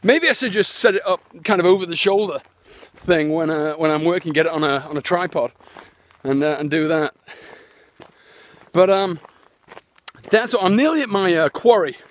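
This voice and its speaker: Guy with a pretty high voice just rambling into his phone outside, lots of ums and restarts. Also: moderate pace, pauses often. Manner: rambling, chatty, full of fillers and restarts. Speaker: internet marketer. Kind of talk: live-streamed walking vlog. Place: outdoors, walking his land. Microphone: phone live stream.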